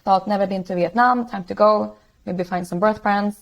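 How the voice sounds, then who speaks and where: A woman's voice: medium pitch, steady tone, normal speed, creaky, low-quality recording. A woman in her thirties from Sweden, a startup founder telling her story in a casual interview over a video call, with many fillers and restarts. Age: 30s. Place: home room, video call.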